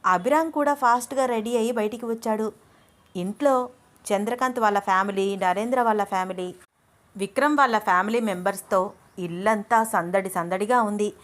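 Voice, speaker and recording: A woman's voice: mid-range voice, moderate pace. A woman narrating a romance story in storyteller style, doing each character's lines herself. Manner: voices every character herself, lively.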